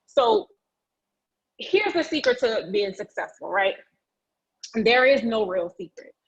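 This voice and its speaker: Over dull, muffled video-call audio, a woman speaks slowly in a slightly high, creaky voice with a breathy edge, very animated. She's a real estate agent running a motivational training session, chatty and folksy, urging people to join in.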